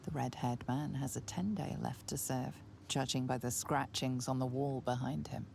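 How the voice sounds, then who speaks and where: A woman voicing a grave narrator in a video game, reading scripted narration in a slow, measured way. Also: rumbling low, steady tone, creaky, darkish tone, a little hiss or hum, heavily acted. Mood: solemn. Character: stern, grave female storybook narrator.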